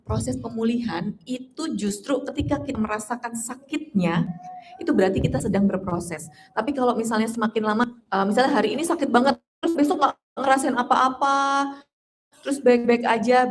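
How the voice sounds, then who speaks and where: A woman in her late thirties giving a casual, chatty workshop talk to an audience. She laughs often and acts out the voices of the people she quotes. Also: fairly high pitch. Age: 30s. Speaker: trainer.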